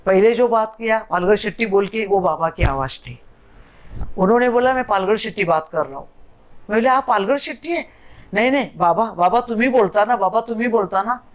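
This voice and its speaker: A woman's voice: on the low side, poor audio. A middle-aged woman sharing a personal devotional story in an emotional, casual way, moving between languages. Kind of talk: casual spoken testimony.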